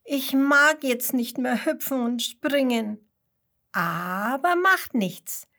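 A cheerful, clumsy kangaroo from a storybook, as a woman reads her, with a high voice. She speaks slowly and playfully, in sing-song rhymes. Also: expressive, pushed and bright, full character voice. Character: cheerful, clumsy female kangaroo, noisy but kind.

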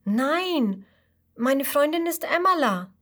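A woman voicing a little bunny boy who calls out high and eager for his friend. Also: lively intonation, slow, fairly bright tone, heavily acted. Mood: earnest.

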